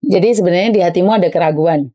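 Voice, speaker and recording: A woman's voice: on the low side, rapid-fire, dark tone. A woman hosting an advice show, giving frank, lecturing advice to a caller. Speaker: advice host. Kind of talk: advice chat.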